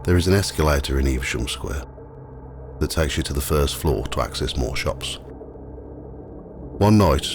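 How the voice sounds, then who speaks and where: A man narrating a scripted ghost walk as the guide, telling the stories in a measured, matter-of-fact way. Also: very deep voice. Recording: clearly noisy, ambient sound behind.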